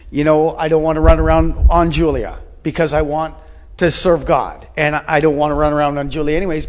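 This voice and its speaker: A man in his forties preaching a sermon in an earnest, repetitive way, asking his listeners questions. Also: a little high. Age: 40s. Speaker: pastor.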